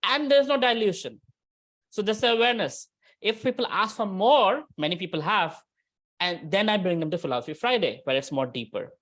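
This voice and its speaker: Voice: mid-range voice, expressive, a little fast, fairly bright tone. A spiritual teacher giving an informal religious lecture and answering questions, conversational and often checking in with "right?". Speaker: spiritual teacher leading a scripture discussion.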